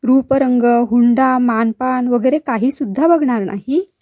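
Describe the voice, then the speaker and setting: A woman voicing a kindly male narrator who gently coaxes a story out. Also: on the high side, measured pace, no echo, clean studio sound, close to an everyday voice. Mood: coaxing.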